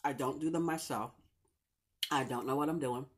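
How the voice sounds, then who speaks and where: A woman's voice: extremely low pitch, moderate pace. Middle-aged woman chatting while eating crunchy fried chicken. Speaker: mukbang video host. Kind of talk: casual chat to viewers while eating. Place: living room at home, indoors. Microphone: camera on a stand at table distance.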